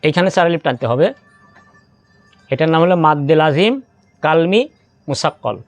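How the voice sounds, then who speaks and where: A man teaching Quran reading, slowly spelling out Arabic syllables in step-by-step drills and drawing out recited words. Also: on the high side, dry recording, faint music behind.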